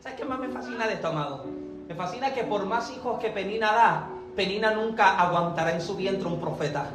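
A woman preaching a fervent sermon, building to shouted peaks. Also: medium pitch, a little fast, echoey room, music in the background.

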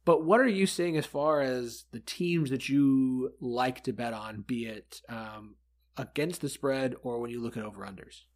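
A man's voice: medium pitch, measured pace, darkish tone. Casual male sports podcast host.

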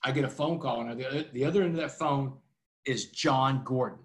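A man in his forties from Texas, a motivational speaker telling his story fast as an interview guest, peppering it with "man". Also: mid-range voice. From Texas, USA. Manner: fast talker, keeps saying "man".

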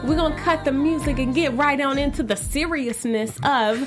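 A woman's voice: high-pitched, normal speed, over loud music. A woman hosting a talk show in casual chat, upbeat and laughing, with lots of "um" and "you know.". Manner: upbeat, laughing, filler-heavy.

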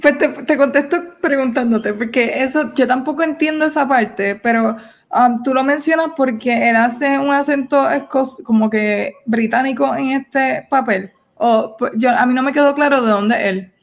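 A woman's voice: high voice, normal speed. A woman co-hosting a casual podcast chat, hesitant and thinking aloud as she answers. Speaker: podcast co-host.

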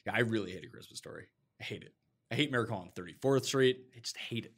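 A man's voice: on the low side, fast talker, a bit bright. A man co-hosting a podcast, blunt and argumentative, swearing freely in casual banter. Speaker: podcast co-host.

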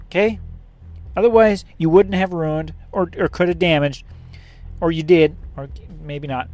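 A truck driver telling a story in a casual vlog, rambling and profane, full of fillers and restarts. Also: male voice, fairly high pitch, darkish tone.

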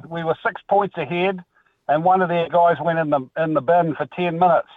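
An older man with a New Zealand accent rings a radio show. His voice is a little high and squeezed by a dry, narrow phone line. He chats casually about sport. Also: no echo. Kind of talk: casual rugby chat.

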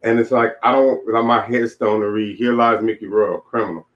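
This interview guest is an author in his late forties who recounts his life in a frank, thoughtful, plain-spoken manner. He has a fairly low pitch, a steady tone and a moderate pace, captured on dull, lo-fi audio.

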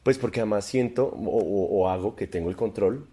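A man's voice: fairly low pitch, brisk, warm tone, slightly rough. A man, a podcast guest chatting casually in a joking, rambling, provocative way. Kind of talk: casual chat.

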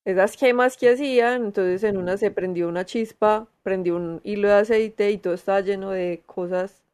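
A woman from Manizales with a Colombian paisa accent, co-hosting a podcast in relaxed, chatty storytelling with fillers. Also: mid-range voice, moderate pace, smooth. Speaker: podcast co-host. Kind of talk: casual chat.

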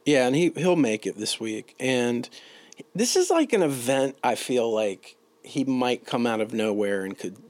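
A man's voice: mid-range voice, a little slow, hardly any pauses, darkish tone, no room sound. Teasing man co-hosting a golf chat. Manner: teasing, gives playful clues. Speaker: co-host. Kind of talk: casual golf-picks chat.

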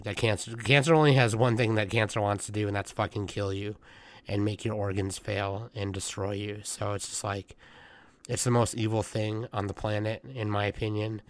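A young man hosting a casual podcast, hoarse and congested, rambling with lots of fillers and swearing. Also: lowish voice, flat delivery, a little fast, dry recording. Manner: rambling, profane, many fillers. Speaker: podcast host. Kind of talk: casual chat.

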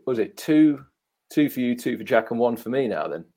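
A man's voice: mid-range voice, lively intonation, normal speed, dark tone. A man from Leicester with a Leicester accent, chatting casually about football as a podcast panellist. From Leicester, England.

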